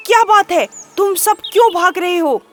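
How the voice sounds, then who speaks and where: A woman voicing a stern male lion king in a children's story, loudly questioning the other animals. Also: extremely high pitch, moderate pace, faint music behind, pitched above the performer's own voice. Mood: commanding. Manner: commanding, loud questioning. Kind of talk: storybook character voice.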